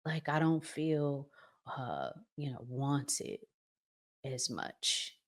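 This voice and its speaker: Very animated yet slow and deliberate, a low-voiced woman hosting a relationship vlog addresses her audience directly with advice. She stays conversational but emphatic, repeating key phrases and asking rhetorical questions.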